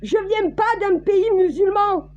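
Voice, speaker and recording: A woman's voice: very high-pitched, lively intonation, a little slow, darkish tone, highs cut off. A woman from France speaking blunt, crude and direct to her listeners in a casual monologue.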